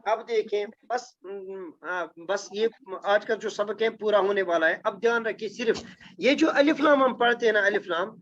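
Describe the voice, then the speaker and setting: A man's voice: high voice, a bit bright, slight background noise. A man teaching a class, explaining step by step and checking in with his students over and over. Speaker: Quranic Arabic grammar teacher. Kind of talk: classroom lesson with recitation. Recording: dull lo-fi recording.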